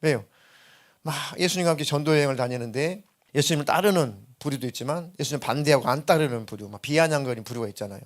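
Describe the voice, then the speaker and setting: A man's voice: mid-range voice, quick pace. A man preaching a sermon as senior pastor, telling stories in a conversational way and acting out what people said in a raised voice. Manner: conversational storytelling preaching, acts out quoted dialogue in a raised voice. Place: church sanctuary.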